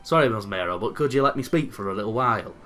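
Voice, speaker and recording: A man's voice: fairly low pitch, expressive, quick pace, fairly bright tone, soft background music. A man voicing a friendly, polite male professor with a Northern English accent. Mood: earnest. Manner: reads game text aloud in a put-on voice.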